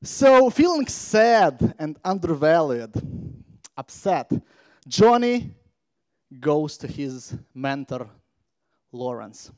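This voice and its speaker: A man from Latvia giving a playful, energetic conference talk from a stage microphone. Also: fairly high pitch, slow pace, long pauses, no echo. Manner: energetic, playful, engages the crowd. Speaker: conference speaker.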